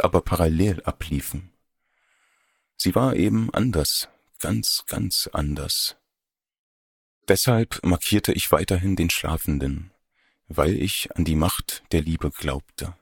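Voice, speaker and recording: A young man with a very low, husky voice reads a first-person story. His narration is measured and wry, quietly introspective. The sound is close and completely dry. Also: no echo. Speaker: audiobook narrator.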